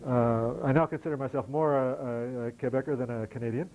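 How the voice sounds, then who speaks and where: A man's voice: medium pitch, steady tone, fairly quick, phone-quality sound, slight background noise. A middle-aged American man answering audience questions after a lecture, conversational and wry, with frequent restarts. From United States. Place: lecture hall.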